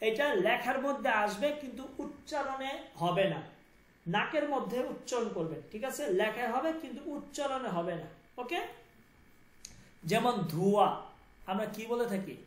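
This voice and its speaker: A man's voice: very high-pitched, animated, normal speed, reverberant. A man teaching a language class, repeating each sound and asking students to confirm.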